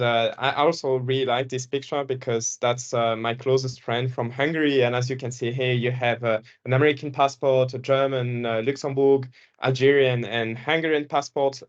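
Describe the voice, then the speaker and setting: A young Belgian man whose first language is French gives a casual presentation at an information session as a former student, frequently repeating and restarting words. His voice is medium-pitched and the audio is dull.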